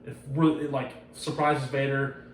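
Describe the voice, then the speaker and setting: A man's voice: mid-range voice, normal speed, a little hiss or hum. A man hosting a casual podcast, retelling a story with lots of swearing and laughter. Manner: profane, excited retelling, laughs often. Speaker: podcast host. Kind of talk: casual chat. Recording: roomy echo, distant mic, faint ambience.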